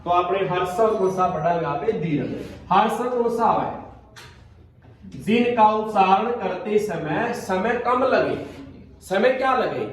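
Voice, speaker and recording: Male teacher, high pitch, drills the class with repeated questions; booming room echo. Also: expressive, a little slow. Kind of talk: classroom grammar lesson. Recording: echoey classroom, from far off.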